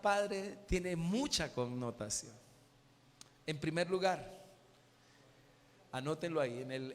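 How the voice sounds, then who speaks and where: A man preaching a sermon as pastor, questioning his congregation in an animated way. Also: fairly high pitch, in a large hall. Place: church.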